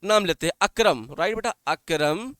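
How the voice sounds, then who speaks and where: In studio-quality audio free of room sound, a male English teacher runs an online class in Hindi-Urdu, calling students "beta," repeating himself and posing questions. He speaks at normal speed in a high-pitched voice with a fairly bright, clean tone.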